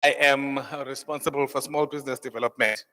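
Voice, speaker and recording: A South African man with a Xhosa accent, formally and deliberately addressing a public meeting as its programme director. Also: mid-range voice, steady tone, bright, forceful tone. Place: large indoor meeting hall. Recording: echoey hall with long reverb.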